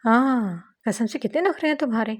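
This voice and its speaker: A woman voicing a playful, teasing young husband in an audiobook novel reading, with quick banter. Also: a little high, expressive, a little hiss or hum, close to an everyday voice.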